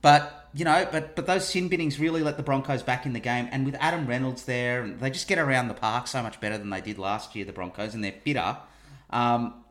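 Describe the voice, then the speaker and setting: A man's voice: mid-range voice, a little fast, a bit bright. A man hosting a casual sports review podcast, talking wryly and repeating himself for emphasis.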